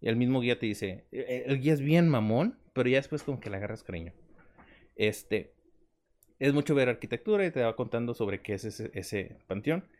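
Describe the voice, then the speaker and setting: A man with a Mexican Spanish accent, co-hosting a casual podcast and telling stories in a slangy, animated way. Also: mid-range voice, fairly quick. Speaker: podcast co-host. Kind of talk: casual chat.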